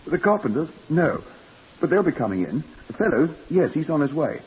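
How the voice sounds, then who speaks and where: A man's voice: on the high side, sing-song, moderate pace, slightly rough, full character voice. An actor playing a brusque, flustered middle-aged male hotel manager. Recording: dull 1950s radio broadcast.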